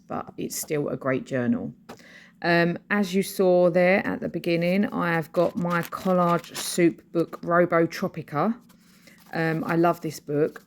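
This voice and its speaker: Female craft creator, low-pitched voice, easygoing voice-over that walks through her supplies and offers tips. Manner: chatty, explains her supplies and gives practical tips. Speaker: art journaling creator. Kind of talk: casual voice-over narration of a craft process video.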